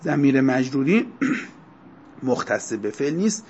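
A man teaching a grammar class, explaining terms one by one, slowing down and stressing key words. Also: mid-range voice, sing-song, darkish tone, a little hiss or hum. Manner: explanatory, lecturing to students, slow deliberate stresses on terms. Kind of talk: Arabic grammar lecture. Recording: dull lo-fi recording.

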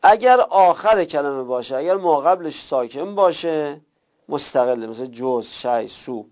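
A man's voice: fairly high pitch, lively intonation, darkish tone, muffled recording. A man teaching a recorded lesson, explaining step by step and repeating examples.

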